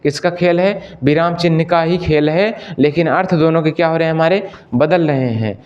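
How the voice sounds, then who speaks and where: A man's voice: a little high, a little mellow, dull audio. A male Hindi teacher giving an exam-prep lesson, repeating each question to the class and then answering it himself, and addressing listeners as friends. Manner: stretches out example sentences slowly.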